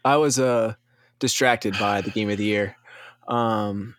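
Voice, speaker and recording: Male podcast host, low-ish voice, jokey and rambling, dry close sound. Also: fairly even intonation, measured pace, fairly bright tone, smooth, no echo. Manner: joking, rambling, tired. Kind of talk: casual podcast chat.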